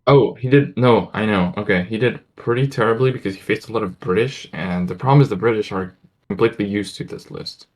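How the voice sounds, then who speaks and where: A man co-hosting a casual podcast about a tabletop game, mostly giving brief, relaxed replies. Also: lowish voice, fairly quick. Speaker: podcast co-host.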